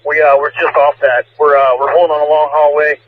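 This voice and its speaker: Higher-pitched male police officer on noisy radio. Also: flat delivery. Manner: halting, piecemeal reports in radio call signs. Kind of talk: tactical police radio traffic. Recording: noisy muffled police radio, distant mic. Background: loud noise and radio clicks.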